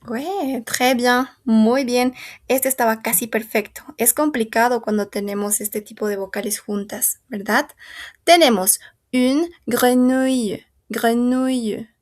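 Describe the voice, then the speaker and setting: A woman's voice: fairly high pitch, steady tone, slow. A woman teaching a French lesson, patiently repeating and modelling each word. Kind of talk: language lesson.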